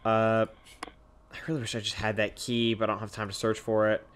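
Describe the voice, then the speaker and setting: With a lowish, fairly bright voice that barely moves in pitch, a young gamer host talks a little fast and smoothly through casual let's-play commentary. He jokes and runs himself down for laughs.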